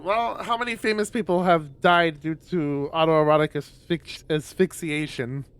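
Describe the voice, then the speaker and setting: A man streaming a visual novel, reading the story aloud in a lowered voice with loud reactions. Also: a little slow, clear, resonant tone, no echo. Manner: reads narration in a lowered voice, reacts with loud exclaims. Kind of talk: reading a story game aloud with chatty asides.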